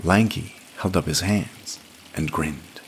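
A man narrating a scripted fantasy story in a measured, expressive reading. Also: deep voice, a little hiss or hum.

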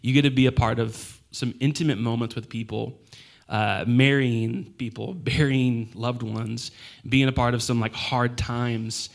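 A man in his thirties, a pastor with a hoarse, worn voice, reflects personally and informally at a church service, in a halting, self-deprecating way. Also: mid-range voice. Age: 30s. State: hoarse, voice nearly gone.

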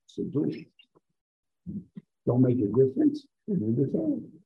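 Gravelly man teaching Torah. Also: medium pitch, huge pitch swings, a little slow, highs cut off. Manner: rhetorical questions and short emphatic repetitions. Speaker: rabbi giving a Torah lesson. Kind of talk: informal religious lecture.

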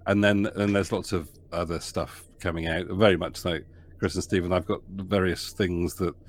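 In a low, steady voice at normal speed, a male producer and writer chats casually as a podcast guest via video call. He rambles and jokes, laughing frequently, with slight background noise audible.

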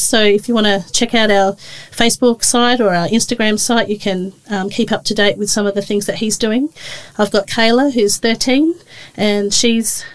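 A woman's voice: a little high, low-quality recording. Woman hosting a chatty podcast. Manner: chatty, relaxed with fillers. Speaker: podcast host. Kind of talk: casual podcast chat.

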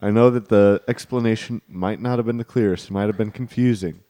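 A man's voice: fairly low pitch, fairly even intonation, fairly quick, mellow. A man hosting a comedy improv game in casual, playful, jokey banter.

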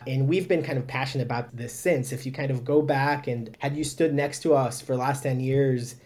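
A man's voice: mid-range voice, brisk, darkish tone. A man, a startup founder giving chatty, upbeat, self-deprecating answers in an interview. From Israel.

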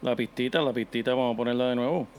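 A man co-hosts a casual sports podcast, chiming in with jokes and cheers. His voice sits in a middle pitch, and faint music plays under the conversation. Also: steady tone. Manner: jokey, quick to agree and hype. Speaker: podcast co-host. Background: music bed.

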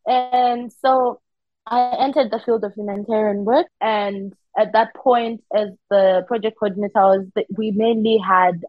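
A young woman from Zimbabwe, a humanitarian worker, telling her story as an interview guest in animated, casual conversation. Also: mid-range voice, normal speed, dry recording, muffled recording. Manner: animated storytelling with frequent laughs and quoted asides.

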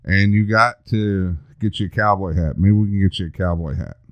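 Low, smooth-voiced male podcast host. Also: normal speed, dry recording, dull audio. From Texas. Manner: jokey, teasing, chatty. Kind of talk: casual interview chat.

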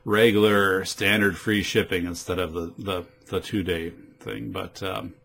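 A man hosting a podcast in a casual, rambling monologue, with halting delivery, on a studio microphone. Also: deep voice, steady tone, gravelly, fairly bright tone, slight background noise. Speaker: podcast host.

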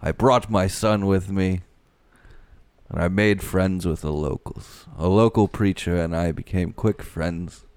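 A grim, middle-aged oil baron, played by a man, tells how he rose, slow and solemn. The voice sits very low and sounds close and dry, with no room around it. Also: steady tone, darkish tone, dry recording. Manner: slow, measured, solemn first-person monologue. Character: grim male oil tycoon recounting his rise, middle-aged.

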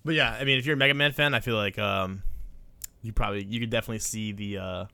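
Smooth, low-voiced young man chatting casually. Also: steady tone, fast talker, pushed and bright, dry recording. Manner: informal, swearing, slangy. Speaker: podcast co-host. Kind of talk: casual film chat.

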